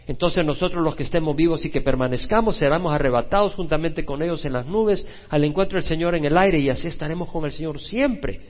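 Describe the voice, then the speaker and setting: A man preaching a Bible-teaching sermon as a pastor, often rising to loud, emphatic exclamations. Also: on the high side, creaky, slightly rough, dull audio.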